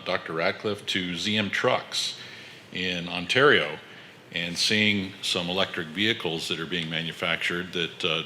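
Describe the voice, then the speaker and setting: A man with a very deep voice gives a rambling report at a board meeting, full of pauses. His tone is very bright and sharp. Faint meeting-room hum sits under him. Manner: loose, filler-heavy report. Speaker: board trustee giving a report.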